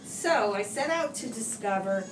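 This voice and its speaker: A fairly high-pitched woman reads aloud from a children's picture book like a teacher, expressive and deliberate, with pauses meant for young listeners. The microphone sits far away in the room, so the audio is roomy and carries clear background noise.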